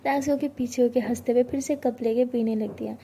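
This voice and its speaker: A woman's voice: a little high, steady tone, fairly quick, mellow, a little hiss or hum. A woman casually narrating a romance story in a chatty retelling style. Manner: chatty retelling, self-correcting.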